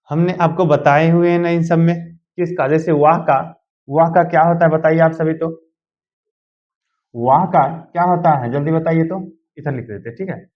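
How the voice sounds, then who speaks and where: A male teacher giving a classroom grammar lesson, explaining step by step and often asking the students whether they follow. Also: fairly high pitch. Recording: dull lo-fi sound.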